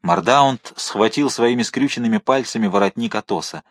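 A man's voice: medium pitch, expressive, normal speed, fairly bright tone, dry recording. Man reading an adventure audiobook, dramatic, dry close mic. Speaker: narrator. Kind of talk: audiobook narration.

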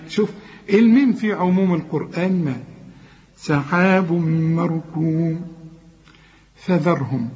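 Egyptian male tajweed teacher, slightly raised pitch, lo-fi dull recording, drills sounds slowly. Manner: explains rules, then slowly drawls out sounds. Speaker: Quran recitation teacher. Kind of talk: tajweed lesson with recited verses.

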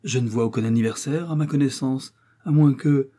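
A man voicing a cheerful fortyish naval captain, speaking jovially and with a raised, lively voice, in an audiobook. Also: medium pitch, a little fast, voice pushed up, close to an everyday voice. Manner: jovial, warm-hearted.

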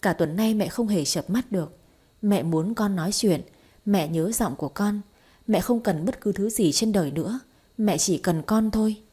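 A woman's voice: medium pitch, normal speed, dark tone, breathy edge, natural voice. A woman reading as a pleading, grieving mother. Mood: begging. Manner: pleading, tearful. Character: grieving middle-aged mother, pleading at a hospital bedside.

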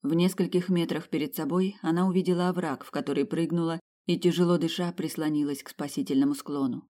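An audiobook narrator reading a thriller in an even, measured way. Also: medium pitch. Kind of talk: scripted narration.

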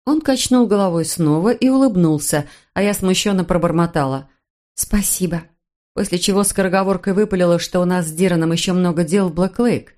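A woman reading a novel aloud in first person, expressive and clear. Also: fairly low pitch, brisk, few pauses. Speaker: audiobook narrator. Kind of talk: scripted narration.

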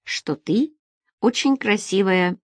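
A woman's voice: mid-range voice, slow pace, no echo, studio quality. A woman reading the part of a proud, jealous young man on holiday in a storybook, in a wry, defensive manner. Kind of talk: audiobook character voice.

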